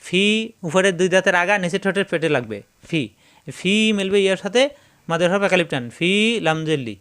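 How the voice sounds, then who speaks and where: Smooth-voiced man teaching Quran spelling. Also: high voice, fairly bright tone. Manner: spells syllables slowly, then chants the verse drawn out. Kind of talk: spelling-out recitation lesson.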